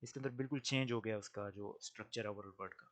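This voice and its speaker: A man teaching Arabic grammar in an online lesson, explaining patiently and slowly drilling pairs of words. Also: fairly low pitch, fairly bright tone. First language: Urdu.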